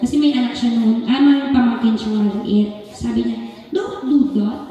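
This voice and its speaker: A woman's voice: on the high side, fairly even intonation, normal speed, mellow, faint music behind. A woman preaching a sermon, chatty and conversational, often mixing in English and addressing the congregation directly. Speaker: lay preacher. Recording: echoey hall, recorded from far off.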